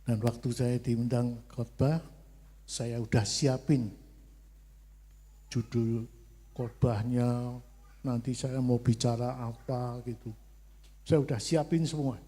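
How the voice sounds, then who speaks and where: Slow-speaking Javanese-accented preacher in a hall. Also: male voice, medium pitch, husky. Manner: lively storytelling, playacting God's curt replies. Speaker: pastor. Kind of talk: sermon. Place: church hall. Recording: long church hall reverb.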